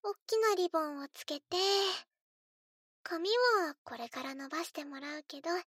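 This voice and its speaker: A woman's voice: sits high, lively intonation, normal speed, fairly bright tone, dry recording, studio quality. A woman voicing a spoiled, eerily sweet little girl in a scripted role-play, cutesy and coaxing as she speaks to the listener as if to her doll. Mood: wistful, sweet. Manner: cutesy, coaxing, childlike, refers to herself in third person.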